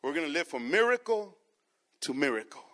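Delivering each line of his sermon in one language and then again in another, this pastor repeatedly addresses his listeners as brothers. His voice is a little high and a bit bright, swinging widely in pitch at a normal pace.

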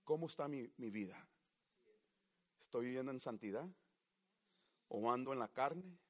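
A man preaching a sermon with passion, swinging from loud outbursts to low, quiet murmurs. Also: animated, a little slow.

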